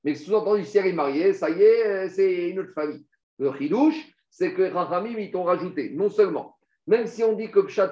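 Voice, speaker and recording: A high-pitched man with a darkish tone reads Aramaic passages in a Talmud class and explains each one step by step. He asks questions and supplies the answers himself. The audio is a dull, echoey room recording.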